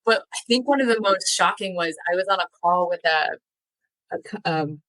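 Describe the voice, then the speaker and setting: On a low-quality recording, a young woman from the US speaks at a moderate pace in a somewhat low, slightly bright voice. She's a guest on a relaxed podcast, a dairy farmer and language teacher eagerly describing her farm and language projects, with plenty of filler words.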